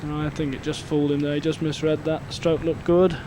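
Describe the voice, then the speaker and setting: Even-toned, higher-voiced male golf commentator. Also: fairly quick. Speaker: golf commentator giving expert analysis. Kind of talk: live golf commentary and analysis. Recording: clear outdoor background noise.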